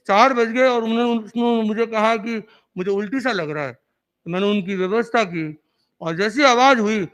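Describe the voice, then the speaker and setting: A man's voice: high voice, a bit bright. A man, a monk, giving an earnest, reverent memorial speech that recounts remembered conversations. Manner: earnest storytelling, acting out remembered dialogue; reverent, devotional. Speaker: Jain monk.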